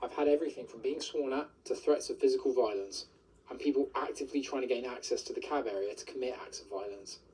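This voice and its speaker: A man's voice: medium pitch, fast, dark tone, slightly rough, recorded from a distance, poor audio. A bus driver, a man, talking earnestly in a news interview, his voice electronically altered to hide who he is. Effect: voice electronically altered to hide identity.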